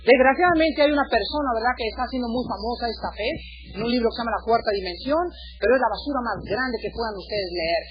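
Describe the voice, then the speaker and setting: A male pastor with a Mexican accent delivers a sermon in a notably high voice. He is animated, dropping joking asides between serious points. The recording sounds dull and lo-fi. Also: quick pace. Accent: Mexican Spanish.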